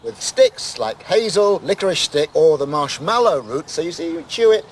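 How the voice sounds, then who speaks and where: A man's voice: on the high side, huge pitch swings, moderate pace, slight background noise. A man presenting a documentary on location, asking curious, enthusiastic questions.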